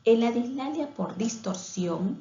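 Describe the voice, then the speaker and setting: A woman's voice: on the high side, expressive, a little slow, vocal fry, warm tone, reverberant, dull audio. A woman giving a recorded lecture on speech therapy, explaining things step by step with some hesitations and restarts.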